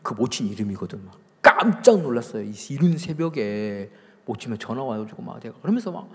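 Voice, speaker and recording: Lively preaching man, echoing hall. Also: medium pitch, a little fast. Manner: storytelling, acting out quoted dialogue; builds to loud emphatic preaching. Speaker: pastor. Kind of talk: sermon. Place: large hall at a summer church camp. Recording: long hall reverb.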